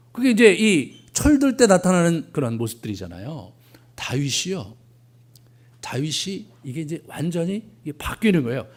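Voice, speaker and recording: A middle-aged male pastor giving a sermon, telling stories and acting out prayers, swinging between hushed and loud. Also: a little high.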